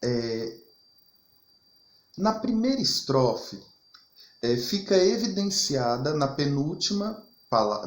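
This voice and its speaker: A male teacher walks students through a poem's rhythm and rhyme. He keeps posing questions and answering them emphatically, his voice bouncing through a wide, animated range. The sound is roomy and echoey. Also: fairly high pitch. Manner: explanatory, rhetorical questions, emphatic. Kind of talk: recorded literature lesson over slides. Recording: echoey room.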